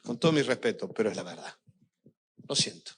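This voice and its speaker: Husky and fairly low, an older pastor's voice moves briskly and with animation as he preaches an emotional sermon, relating personal stories and addressing the congregation directly.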